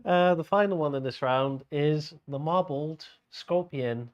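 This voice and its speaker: A man working as a bingo caller and host, announcing each item in a measured way with spaced-out names. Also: fairly high pitch, clear, resonant tone, muffled recording.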